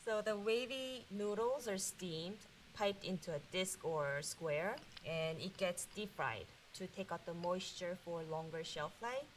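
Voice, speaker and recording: A woman's voice: lowish voice, measured pace, hardly any pauses, rough recording. Woman chef commenting over background hiss. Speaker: chef on a tasting panel. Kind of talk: explanatory food commentary.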